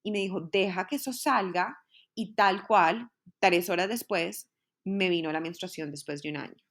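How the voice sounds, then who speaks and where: A woman's voice: on the low side, normal speed, a bit bright. A woman, a podcast guest telling a personal story in an earnest, heartfelt way, often repeating words.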